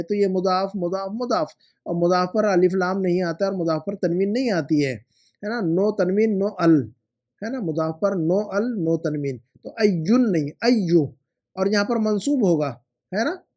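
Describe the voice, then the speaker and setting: A man teaches Arabic grammar, patiently correcting homework and repeating words slowly. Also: high voice, a little mellow. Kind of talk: explanatory lesson.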